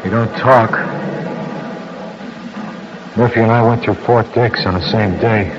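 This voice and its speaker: An actor playing a jittery, despairing infantry soldier grieving a buddy in an old radio war drama. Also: male voice, on the low side, fairly even intonation, measured pace, lightly acted. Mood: bleak. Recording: dull old radio recording, faint noise.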